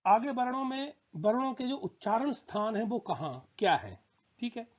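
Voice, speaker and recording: A man with a very high-pitched, sing-song voice gives a slow spoken grammar lesson at a moderate pace, patiently repeating example words and checking that students understand. The lo-fi recording sounds slightly dull.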